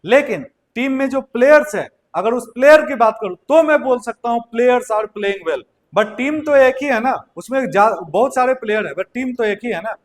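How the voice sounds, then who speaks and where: A man's voice: very high-pitched, expressive, moderate pace, few pauses. A male teacher giving a language grammar lecture, repeating key points and checking in with his students often. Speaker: English teacher. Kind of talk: classroom lecture.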